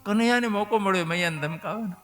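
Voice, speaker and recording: A man's voice: high-pitched, fast talker, a bit bright, soft background music. A man, telling a devotional story as a sermon with emotive exclamations.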